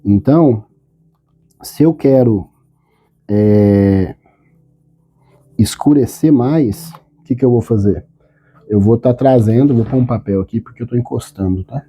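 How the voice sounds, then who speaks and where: A man teaching a step-by-step drawing tutorial, calm and patient, often checking in with short questions. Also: mid-range voice, unhurried, pauses often, breathy edge.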